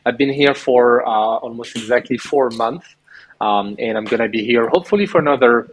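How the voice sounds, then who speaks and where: A man's voice: mid-range voice, brisk, poor audio. A man in his thirties from France, a podcast guest telling his story in a hesitant, casual way, full of restarts. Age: 30s. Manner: hesitant, many restarts and fillers. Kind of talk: casual interview conversation. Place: remote call from an island home.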